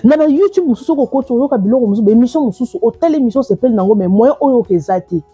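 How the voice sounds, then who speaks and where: A woman's voice: on the high side, expressive, rapid-fire, mellow, husky, no echo, soft background music. A woman, giving opinionated video commentary straight to her viewers. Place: South Africa.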